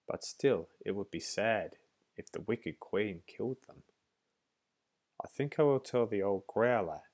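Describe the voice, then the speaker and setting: A man's voice: lowish voice, a little mellow. A man voicing a small, timid female bee grub in a storybook, musing to herself in a fretful way.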